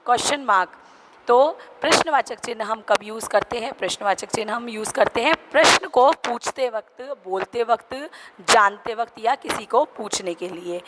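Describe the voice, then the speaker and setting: Female schoolteacher, lesson voice-over; slightly raised pitch, patient and repetitive, noisy recording with clicks. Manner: explains slowly, repeats example sentences, mixes in English words. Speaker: teacher. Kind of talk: recorded Hindi grammar lesson for children.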